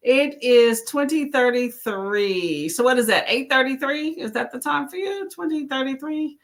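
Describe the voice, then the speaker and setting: Clearing her throat, a woman hosts a relaxed live chat where she reads viewer comments and encourages people. She's talkative and exclamatory, with a high-pitched, animated voice at a moderate pace.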